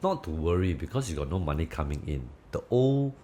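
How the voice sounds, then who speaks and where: A man's voice: low voice, very animated, fairly quick, mellow. A man with a Singaporean accent, chatting casually as a property agent being interviewed, in Manglish-style English full of local particles and slang.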